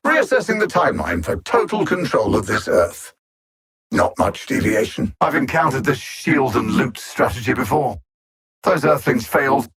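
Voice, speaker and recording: An actor gives an exaggerated voice to a video game's alien machine intelligence, a cold and condescending conqueror who menaces with measured calm and sardonic understatement. His male voice is medium-pitched, a bit bright and slightly rough.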